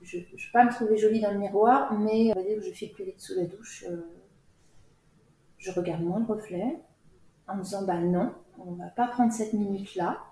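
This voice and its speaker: Hesitant woman with a mellow voice. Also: mid-range voice, roomy sound, a little hiss or hum, rough recording. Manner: hesitant, many pauses and fillers. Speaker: podcast guest. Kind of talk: personal interview.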